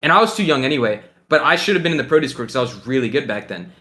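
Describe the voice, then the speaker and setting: Bright-voiced teenage boy, laid-back. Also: medium pitch, expressive, very fast. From Ohio, USA. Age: teens. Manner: laid-back, chuckling, rambling with fillers. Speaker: guest, pro gamer. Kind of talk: casual interview.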